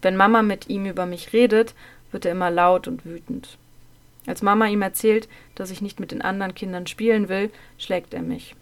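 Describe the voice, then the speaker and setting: A woman narrating a childhood memoir in the first person, in a calm, measured way, her phrases often dropping soft at the end. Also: mid-range voice.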